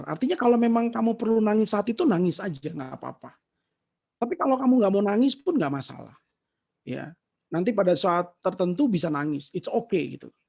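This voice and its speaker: A man, giving an animated, casual talk and answering questions in an online session. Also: high voice, gravelly, breathy edge. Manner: animated storytelling, mixes in English words. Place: online session over a shaky connection.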